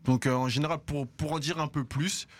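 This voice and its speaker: A man's voice: a little high, steady tone, brisk. A man with a Belgian French accent hosting a casual hip hop radio show, joking and reading news items with many fillers. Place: radio studio.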